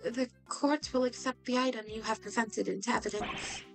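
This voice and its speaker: A woman's voice: on the high side, fairly even intonation, moderate pace, over music, voice pushed down, natural voice. A woman voicing a formal older male judge in a stately way, close to her own voice.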